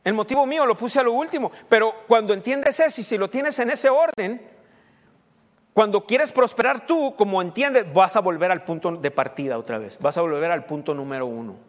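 A middle-aged man preaching a sermon as pastor, emphatic and rising to loud peaks as he counts off his points. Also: sits high, expressive, normal speed. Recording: long hall reverb.

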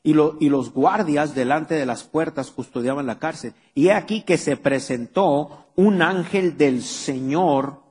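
A male pastor preaches to his congregation in a church hall, firing rhetorical questions at them, and the recording has a long hall reverb. His voice is fairly high, a little mellow and husky, and he speaks unhurriedly with hardly any pauses.

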